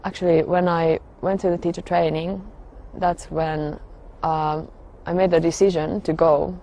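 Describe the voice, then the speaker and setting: A woman, sharing her personal testimony in a halting, reflective way full of pauses and fillers. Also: fairly low pitch, little pitch movement, dark tone, a little hiss or hum. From Finland. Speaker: religious convert sharing her story.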